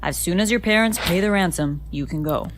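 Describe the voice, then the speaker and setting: A woman's voice: fairly low pitch, a little fast, noisy background, natural voice. A woman reading a curt male kidnapper. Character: terse adult male kidnapper.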